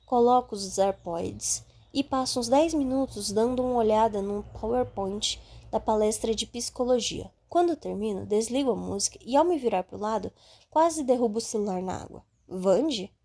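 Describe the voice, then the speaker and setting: Mellow woman narrating. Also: a little high, moderate pace, creaky. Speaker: audiobook narrator. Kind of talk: first-person audiobook narration.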